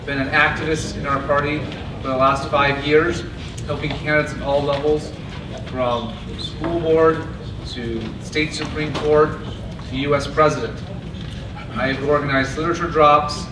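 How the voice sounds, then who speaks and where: A man giving a steady, earnest convention stump speech at a podium microphone. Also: fairly high pitch. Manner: earnest, steady delivery with occasional restarts. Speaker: party chair candidate. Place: large convention hall, indoors. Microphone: podium mic on stand. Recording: echoey hall from a far camera with noise.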